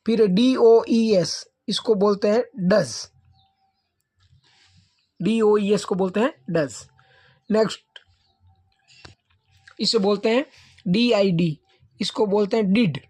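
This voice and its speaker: Slow, patient woman spelling out English words. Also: medium pitch, warm tone. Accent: Indian English. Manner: spells words letter by letter, then says them. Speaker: English teacher.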